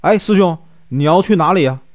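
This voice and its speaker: Calm dutiful officer guy smoothing things over, soft-spoken, northeastern accent, storyteller voicing him. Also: sits high, brisk, dry recording, studio quality. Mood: placating. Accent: Northeastern Mandarin. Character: restrained dutiful male officer, patient.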